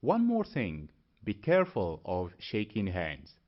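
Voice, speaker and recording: A man explains a lesson in a careful, deliberate way and sets out each step plainly. His voice moves up and down with a lot of energy. The recording sounds dull and lo-fi. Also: on the low side, wildly swooping pitch. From Morocco. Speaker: English teacher. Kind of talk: scripted lesson to camera.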